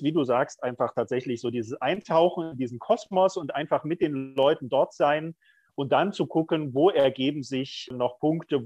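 This medium-pitched, darkish voice belongs to a middle-aged prison chaplain being interviewed as a podcast guest. He reflects openly and carefully, hesitating often, in a lo-fi recording with no room sound.

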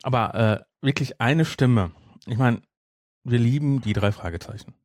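A middle-aged man hosts a podcast in casual conversation, stressing his points emphatically and repeating them. His mid-range voice is unhurried and a little mellow, on a dry recording.

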